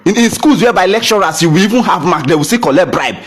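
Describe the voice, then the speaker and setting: Young nigerian guy ranting hard, high husky voice, talks fast, keeps asking "you think we happy". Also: lively intonation. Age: young adult. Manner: heated, repetitive rhetorical questions, mixing in Pidgin. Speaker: photographer ranting to camera. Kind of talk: impassioned rant.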